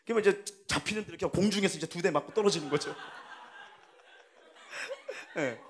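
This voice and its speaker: Lively Korean pastor, high voice. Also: male voice, normal speed, a little hiss or hum. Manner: lively storytelling, acting out family quarrels with laughter. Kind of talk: sermon. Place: church sanctuary.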